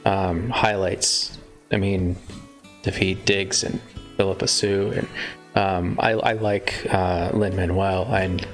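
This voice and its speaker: A man's voice: sits low, level tone, slow pace. A man chatting casually on a live stream, rambling and breaking off mid-sentence to joke. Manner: chatty, rambling, self-interrupting. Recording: faint guitar music behind.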